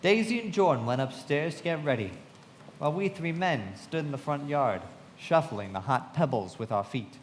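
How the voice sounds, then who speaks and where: In a live radio play, an actor with a fairly high, natural and expressive voice portrays a reflective, observant young man recounting his memories with literary care. His moderate pace gives the narration a vivid, thoughtful mood, heard in a reverberant hall with faint noise.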